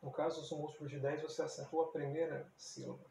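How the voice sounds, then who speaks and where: A man from Brazil giving a casual spoken lesson as an English teacher, speaking slowly and deliberately and repeating words for practice. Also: fairly high pitch, little pitch movement, gravelly, warm tone. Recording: echoey room with faint ambient noise.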